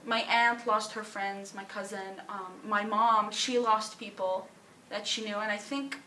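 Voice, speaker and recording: Young woman from Syria, bright voice, halting emotional testimony, echoey room a bit off-mic. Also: medium pitch, fairly even intonation, distant mic, a little hiss or hum. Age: young adult. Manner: halting and emotional, with pauses, sighs and restarts. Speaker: student sharing her story. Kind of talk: personal testimony.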